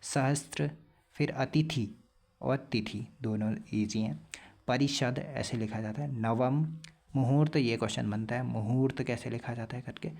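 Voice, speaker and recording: A young male teacher with a husky, slightly rough voice talks through correct spellings one word after another. He explains plainly and says each word again slowly to fix it. The lesson is casual and steady. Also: medium pitch. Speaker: exam-prep teacher.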